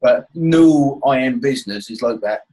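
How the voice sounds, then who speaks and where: A man's voice: medium pitch, normal speed, warm tone, low-quality recording. A man with a Norfolk, East Anglian accent hosting an informal online coaching session in a matey way. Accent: Norfolk, East Anglian English. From Norfolk, England. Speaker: webinar host and coach. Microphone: online webinar call.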